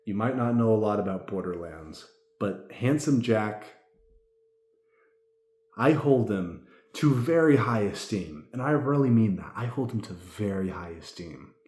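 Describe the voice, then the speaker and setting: A man reviews a movie casually while tipsy, rambling, emphatic, repeating himself and swearing as an amateur critic. His fairly low voice is expressive, a little slow and a little mellow. The recording sounds echoey.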